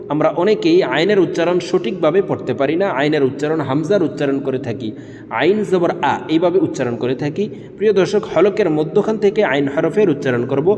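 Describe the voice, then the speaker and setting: A man's voice: fairly high pitch, a little mellow, in a large hall, highs cut off, a little hiss or hum. A man teaching Quran recitation, who spells out Arabic letters syllable by syllable and then chants the verse melodically.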